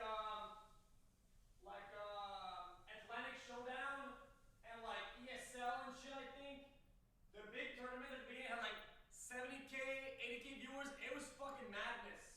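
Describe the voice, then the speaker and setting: Loud high-voiced man streaming, echoey. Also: unhurried. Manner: loud, excitable, swears freely. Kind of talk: casual reaction chat. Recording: echoey room, far from mic.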